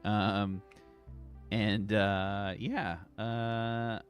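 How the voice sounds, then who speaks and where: Guy running a tabletop rpg, low slow voice, lots of searching for words, faint music. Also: little pitch movement. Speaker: game master. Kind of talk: improvised tabletop game narration.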